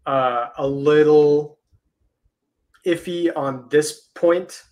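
A man's voice: fairly high pitch, steady tone, drawn-out words, a little mellow. A man talking through crypto market charts on a livestream video call, explaining step by step.

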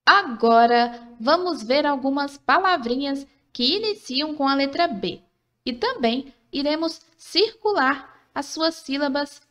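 A woman with a high, pushed, bright voice narrates a scripted literacy lesson for children. She goes slowly and patiently, sounding out syllables one at a time, and encourages listeners by asking questions and then answering them herself.

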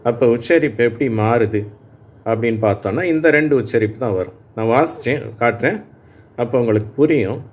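Patient male phonics teacher. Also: medium pitch. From Tamil Nadu, India. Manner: slow, patient, reads words aloud for repeating. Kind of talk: spoken lesson for adult learners.

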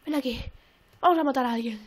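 Young woman, high voice, excitable gameplay commentary, repeats herself. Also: fast. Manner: excitable, repeats phrases, swears often. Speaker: gaming YouTuber. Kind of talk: casual let's-play commentary.

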